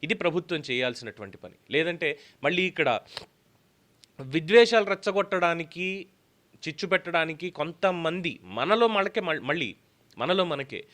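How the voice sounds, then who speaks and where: A man's voice: on the high side, animated, normal speed, pauses often, a bit bright. A man delivering an opinion commentary, arguing emphatically with rhetorical questions. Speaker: political commentator.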